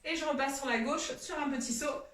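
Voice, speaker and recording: Woman dance teacher, high voice, counts beats while demonstrating, recorded from a distance in an echoey studio. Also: brisk, a bit bright, slight background noise. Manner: demonstrating moves while talking, counts aloud, chatty asides. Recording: echoey room, voice from far off.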